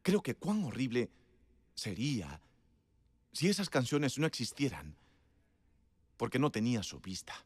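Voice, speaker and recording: A man's voice: medium pitch, sing-song, measured pace, long pauses, darkish tone, slightly rough, no room sound. A man preaching a sermon in a conversational storytelling way, emphatic and laughing often.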